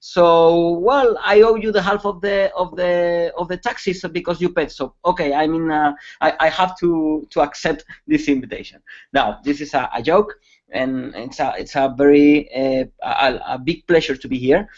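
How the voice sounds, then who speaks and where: At a moderate pace and fairly high pitch, a Spanish man with a Spanish accent gives a security talk in English for a webcast. He hesitates often, restarting and using many fillers, and the dull lo-fi sound comes from a computer mic on a video call.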